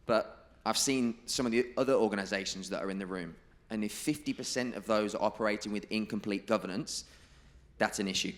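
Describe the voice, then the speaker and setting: Male conference speaker, lowish voice, presenting to a room with emphatic, deliberate stress. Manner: emphatic, repeats key figures and quotes slowly. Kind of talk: presentation to a live audience.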